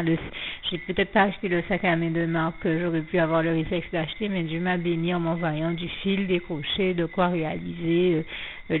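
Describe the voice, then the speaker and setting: This is an anonymous faith testimony from a woman whose voice sits on the low side. Her pace is slow and broken by fillers, pauses and restarts, her throat sounds a little froggy, and the recording has a thin telephone quality with faint noise underneath.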